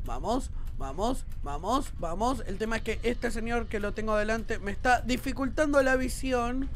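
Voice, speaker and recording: A man with a Rioplatense Spanish accent giving let's-play commentary, excitable and often bursting into shouts. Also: extremely high pitch, moderate pace. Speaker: gaming YouTuber.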